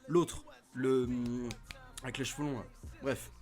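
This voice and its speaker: A man's voice: mid-range voice, little pitch movement, measured pace, a little mellow. A young man giving a casual, comedic film review, full of street slang, swearing and rambling hesitations, recorded at home into a desk mic. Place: at home, recording with streaming software. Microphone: desk microphone.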